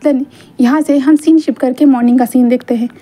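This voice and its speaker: Briskly and with fairly even intonation, a woman in a high, mellow voice recounts a fan fiction romance. Her storytelling is conversational and code-mixed, packed with fillers.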